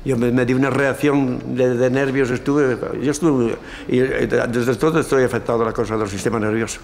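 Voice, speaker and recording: An older man with a gravelly, creaky voice and an accent from Spain recounts memories as a witness. He repeats words and voices remembered exchanges. The sound carries long reverb. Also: mid-range voice, steady tone, moderate pace, darkish tone. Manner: anecdotal, acts out remembered dialogue, repeats words. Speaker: former political prisoner, eyewitness. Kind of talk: spontaneous oral testimony. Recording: long reverb, faint background noise.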